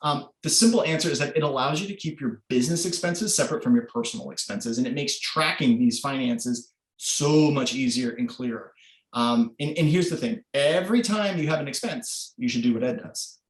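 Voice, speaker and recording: A man's voice: medium pitch, lively intonation, fairly quick. A man presenting an online workshop, explaining informally with many filler sounds over a video call. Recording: roomy echo.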